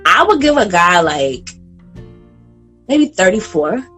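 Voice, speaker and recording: A woman in her late twenties appears as a podcast guest, chatting casually, animated and laughing, and sometimes addressing listeners directly. Her voice is fairly low and slow, with a breathy edge, and faint music plays behind her.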